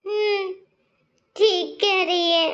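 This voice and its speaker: A woman's voice: very high voice, fairly even intonation, very slow, highs cut off, full character voice. A woman voicing a kindly, worried middle-aged mother in a cartoon story. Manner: gentle, regretful, pleading.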